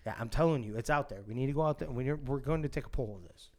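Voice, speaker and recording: Podcast co-host, man, mid pitch, excitable and insistent. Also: quick pace, slight background noise. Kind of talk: casual sports chat.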